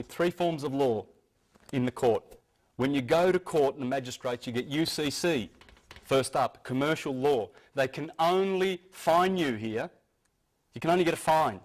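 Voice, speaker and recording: A man giving an informal, earnest talk to a live audience. He often stumbles, restarts and repeats words as he explains. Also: mid-range voice. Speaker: speaker addressing an audience.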